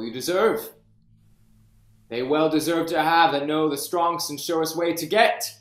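A man's voice: mid-range voice, close to an everyday voice. An actor playing a proud, wounded, deposed king in a declamatory Shakespearean reading. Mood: wry, proud. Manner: declamatory, deliberate. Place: indoors, remote video call. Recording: roomy, echoing home recording.

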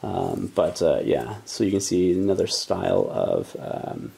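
Excited hobby host with a gravelly voice. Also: male voice, sits low, unhurried. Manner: rambling, enthusiastic, many ums and likes. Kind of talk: casual unboxing talk.

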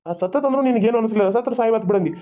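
A man's voice: extremely high pitch, very fast. A man voicing a stubborn, grumbling husband in a cartoon. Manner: grumbling, refusing. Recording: tinny phone-like sound.

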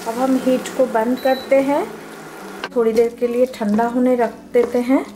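Against a noisy background, a woman with an Indian accent narrates a cooking tutorial in simple steps, switching between Hindi and English as she hosts her channel. Her voice is fairly high, level in tone, and moderately paced.

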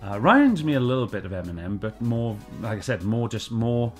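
Soft music underscores a middle-aged Welsh host whose medium-pitched voice swings widely and moves a little quickly. He chats casually about reviews from his sofa at home, wandering off topic, saying things twice and filling gaps with ums and ahs.

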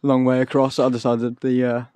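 A man's voice: completely flat delivery, dark tone, clear, resonant tone, no echo. A young man from Kent, a guest singer-songwriter chatting in a radio studio, modest and a bit hesitant. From Kent, England. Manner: modest, hesitant, talks low and quick. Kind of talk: casual radio interview chat.

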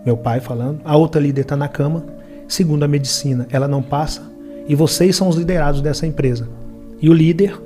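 A man in his forties with a Minas Gerais Brazilian Portuguese accent, his voice on the high side yet dark in tone, tells his life story as a podcast interview guest. He earnestly acts out the voices of people he quotes. The setting is a brick-walled studio with purple lights, and he's on a studio mic mounted on a boom arm.

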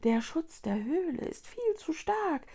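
A woman reading a children's storybook aloud, voicing tiny frail magical creatures with an urgent, breathy whisper that repeats words. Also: very high voice, very animated, unhurried, dark tone, pitched above the performer's own voice, full character voice.

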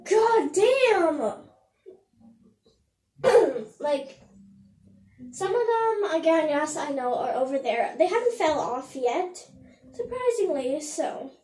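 A woman's voice: high voice, sing-song, slow, long pauses, warm tone. A teenage girl chatting casually in a vlog, slipping into baby talk with her puppy. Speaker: vlogger.

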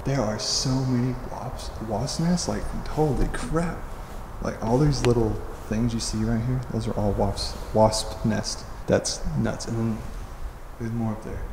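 An urban explorer vlogger from Oklahoma, a young man with a fairly low voice, walks through a large, unfinished mansion, narrating casually in excited slang and laughing often. The bare rooms echo heavily with a long reverb tail, and faint noise sits underneath.

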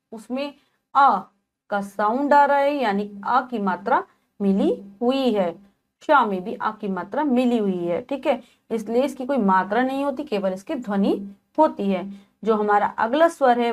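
Lady teacher going slow thru a kids lesson, slightly high voice, spells letters out one by one. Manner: checks in often with "okay". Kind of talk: textbook lesson explaining Sanskrit vowel signs to children.

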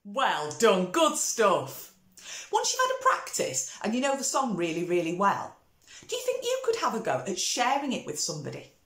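A woman's voice: medium pitch, huge pitch swings, normal speed, fairly bright tone. A woman teaching a music lesson for children in an upbeat, encouraging way. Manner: upbeat, encouraging, call-and-response. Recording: roomy echo.

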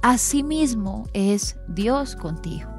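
A woman's voice: on the high side, slow pace, soft background music. A woman in her thirties with a Colombian accent, preaching earnestly from a church stage and acting out quotes. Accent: Colombian Spanish. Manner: earnest, with lively acted-out quotes. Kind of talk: sermon.

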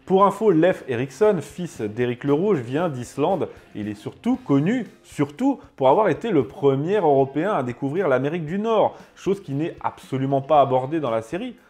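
A man's voice: a little high, expressive, normal speed, few pauses, a little mellow. Sarcastic French-speaking man ranting about a series. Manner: sarcastic, scornful, emphatic. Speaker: show host reviewing a series. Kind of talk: scripted opinion commentary.

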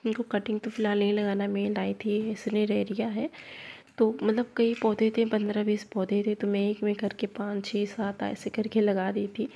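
A mellow, medium-pitched woman's voice with vocal fry comes through a phone she holds in one hand. She's a vlogger planting cuttings in her home garden, talking casually to viewers as friends while walking them through it.

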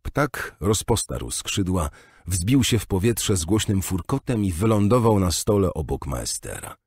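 A male audiobook narrator tells the story in an expressive way, his deep voice rising and falling a lot. There is a husky grain to it. The recording is close and dry, with no room sound. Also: a little slow, dry recording. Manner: expressive storytelling with wide pitch. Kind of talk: scripted narration.

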